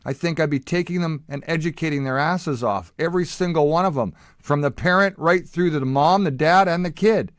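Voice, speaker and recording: A man's voice: a little high, brisk, hardly any pauses, no echo, clean studio sound. A man hosting a talk show, arguing bluntly and emphatically, stumbling over repeated words when worked up. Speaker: podcast host. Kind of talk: heated conversational argument.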